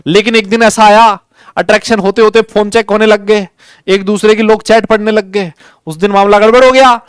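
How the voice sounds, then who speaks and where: Young male chemistry tutor, high and smooth voice, jokey live-class banter, dry close mic. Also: steady tone, fairly quick, no echo. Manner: chatty, jokey, calls students beta. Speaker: chemistry teacher. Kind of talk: live online class with chat and polls.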